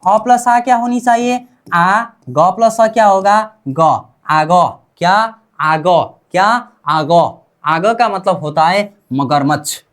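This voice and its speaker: A woman's voice: mid-range voice, takes it slowly. A woman teaching a language class, repeating sounds and asking and answering her own questions. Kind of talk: classroom-style language lesson.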